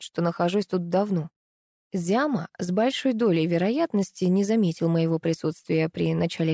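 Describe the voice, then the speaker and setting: A woman's voice: lowish voice, warm tone, no echo, clean studio sound. Wry woman narrating an audiobook. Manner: wry, ironic storytelling.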